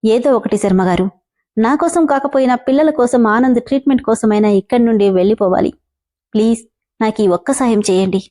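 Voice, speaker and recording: A grieving, devoted mother, tender and pleading, voiced by a woman narrator in a mellow, slightly high voice. She comes across gently in an audio storybook. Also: a little fast, close to an everyday voice.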